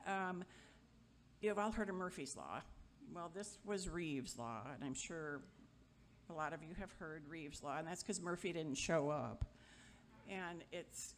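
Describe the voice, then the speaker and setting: A middle-aged woman giving an informal memorial eulogy, chatty and wry, joking with the crowd and sometimes halting. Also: on the low side, a little hiss or hum. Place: gathering hall at a memorial.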